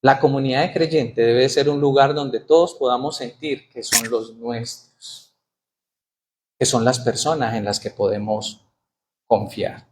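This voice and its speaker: A man's voice: medium pitch, unhurried, a little mellow, slight background noise. A man preaching a sermon in church, asking the congregation questions and reading scripture aloud with rising emphasis. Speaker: pastor.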